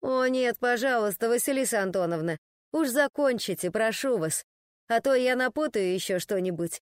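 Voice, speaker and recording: A woman's voice: a little high, animated, moderate pace, no room sound, clean studio sound, natural voice. A woman voicing a tense middle-aged husband who pleads anxiously in an audiobook. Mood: pleading.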